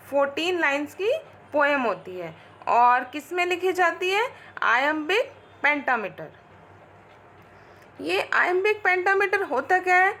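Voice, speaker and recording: A woman's voice: sits high, a bit bright. A woman teacher giving a lecture, asking questions and answering them herself as she explains. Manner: explains slowly, asks and answers her own questions. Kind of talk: classroom lecture mixing Hindi and English.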